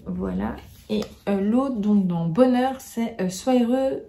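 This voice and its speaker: Rambling French woman vlogger, mellow voice. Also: medium pitch, slow pace, vocal fry. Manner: rambling, many fillers and restarts. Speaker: book vlogger. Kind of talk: casual chat to camera.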